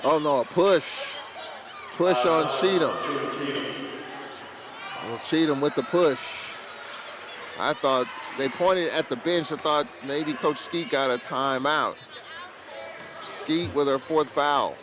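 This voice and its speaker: A man calling college basketball play-by-play, bursting into excited calls on big plays. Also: fairly high pitch, takes it slowly, pauses often. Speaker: play-by-play announcer. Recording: crowd and arena noise behind.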